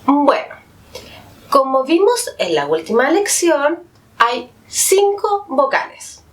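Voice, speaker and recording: A Chilean woman teaching a pronunciation lesson, saying each example word slowly and with careful, drawn-out enunciation. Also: high voice, very animated. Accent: Chilean Spanish. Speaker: Spanish teacher. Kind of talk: slow, clear pronunciation lesson.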